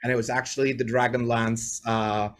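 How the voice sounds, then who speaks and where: This guest on a video-call interview is a Bahraini man in his forties who speaks English natively. His mid-range voice is flat and moderately paced as he tells casual, chatty, winding stories, often ending points with "right?".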